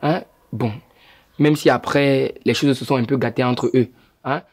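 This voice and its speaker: A man's voice: mid-range voice, fairly even intonation, measured pace, no echo, studio quality. A man playing a self-important young man who acts as head of the family, preachy and sermonizing. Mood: lecturing. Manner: preachy, sermonizing, keeps adding "hein?". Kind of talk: web series drama acting.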